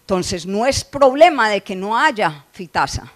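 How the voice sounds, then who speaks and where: A middle-aged woman from Colombia with a Colombian Spanish accent delivers a conference lecture on poultry nutrition in a conference hall. Her mid-range voice shows big pitch swings and an unhurried pace, and she walks through slides with frequent "eh" fillers and restarts.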